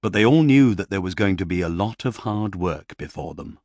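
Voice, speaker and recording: A man tells a children's story with a lively, rising and falling voice. His tone sits fairly low and a little husky, and the sound is close and dry. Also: dry recording. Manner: expressive, with hushed dramatic pauses.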